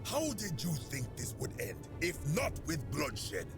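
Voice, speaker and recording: An actor playing a stern, menacing religious zealot of the underworld in a video game, speaking solemnly and theatrically. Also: male voice, a little high, wildly swooping pitch, a little slow, over music, exaggerated voice. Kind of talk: dramatic video game dialogue.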